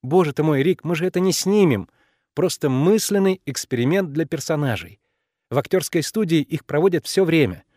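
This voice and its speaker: A man's voice: on the high side, lively intonation, a little mellow, no room sound, clean studio sound, pitched above the performer's own voice. A man voicing a precocious, bossy eight-year-old girl who presses her questions insistently. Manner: insistent, quick, conspiratorial questioning.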